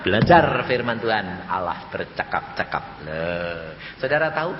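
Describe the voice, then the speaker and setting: A man preaching a sermon as a pastor, animated storytelling with sudden jumps up in pitch when he acts out dialogue. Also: roomy sound, big-room sound, lo-fi sound, background noise.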